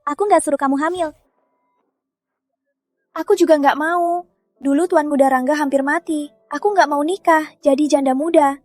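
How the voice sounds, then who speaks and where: High, dry-voiced woman playing a spoiled schemer, defensive and stammering, over faint music. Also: no room sound, lightly acted. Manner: defensive, stammering when cornered. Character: spoiled scheming young woman, adopted daughter. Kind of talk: dubbed drama acting.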